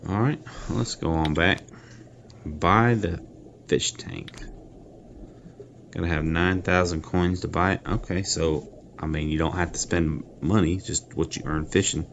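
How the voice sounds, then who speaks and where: A man's voice: low-pitched, a little slow, vocal fry, a little hiss or hum. A man giving casual, chatty commentary while playing and reviewing a mobile game, thinking aloud and poking fun at his own mistakes. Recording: faint game music behind.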